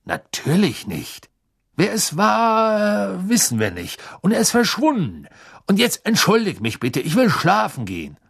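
A tired, kindly father wizard, as a male narrator reads him, calm and low-key. His voice is slightly breathy and moves with some liveliness. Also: measured pace, no room sound, clean studio sound, exaggerated voice. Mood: firm. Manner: calm, soft and weary.

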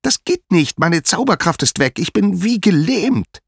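A man voicing a proud goddess queen trapped on a throne, in a high, pleading voice for a storybook reading. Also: sing-song, unhurried, creaky, breathy edge, no room sound, studio quality, full character voice. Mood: panicked.

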